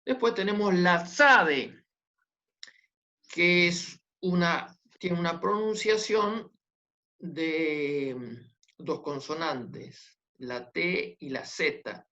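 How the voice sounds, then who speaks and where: Teacher, unhurried, patient, repeats points, checks in with the class, muffled lo-fi recording. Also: mid-range voice, sharp tone. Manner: patient, repetitive, checks understanding with tag questions. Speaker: Hebrew teacher. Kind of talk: online class lesson.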